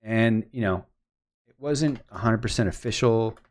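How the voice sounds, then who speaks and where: Pitched fairly low and paced in a measured way, this man's voice accompanies his photo editing. He spins a long, meandering story, acting out past conversations with quoted voices while talking through each edit he makes.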